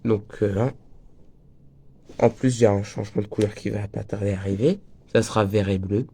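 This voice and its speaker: A man's voice: on the low side, fairly even intonation, normal speed, creaky, mellow, husky. A teenage boy with a slight cold and a breaking voice, chatting casually while teaching crochet and wandering off into jokes. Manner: chatty, jokey, wanders off topic. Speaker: crochet tutorial host. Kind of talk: casual tutorial talk.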